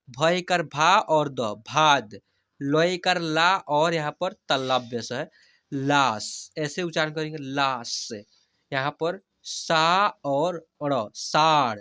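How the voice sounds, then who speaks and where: Bright-voiced man teaching Hindi reading. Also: on the high side. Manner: slow drawn-out spelling of each syllable, then the full word said firmly; coaxing, checks in with "theek hai?". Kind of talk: spoken lesson, spelling words syllable by syllable.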